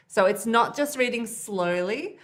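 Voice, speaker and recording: A woman's voice: a little high, expressive, measured pace. Woman teaching an exam-prep lesson. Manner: clear, patient, emphatic teacher guiding step by step. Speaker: IELTS teacher.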